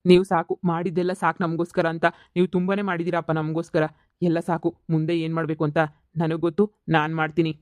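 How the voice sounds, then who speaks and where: A man's voice: fairly high pitch, level tone, fairly quick, darkish tone, no echo, clean studio sound, lightly acted. A man voicing a young adult son in a cartoon, firm and reassuring toward his parents. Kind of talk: cartoon voice acting.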